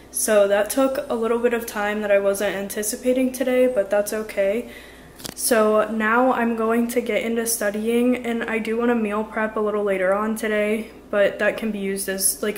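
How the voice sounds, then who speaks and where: A woman's voice: a little high, slight background noise. A woman in her twenties chatting casually to the camera in a study vlog, filling her talk with "like" and "um". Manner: chatty, uses lots of "like" and "um". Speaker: vlogger studying for a medical school entrance exam. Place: apartment living room, indoors.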